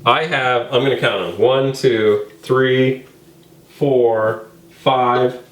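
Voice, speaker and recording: A man's voice: medium pitch, steady tone, very slow, roomy sound, low-quality recording. A man co-hosting a casual kitchen tour, talking in an opinionated, playful way. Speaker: home cook and co-host.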